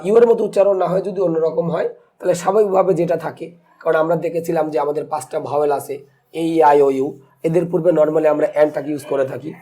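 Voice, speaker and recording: A man teaching an English grammar lesson in Bengali-accented speech, asking questions and answering them himself, and slowly pronouncing example words. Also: fairly high pitch, darkish tone. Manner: slow deliberate spelling and pronouncing of words.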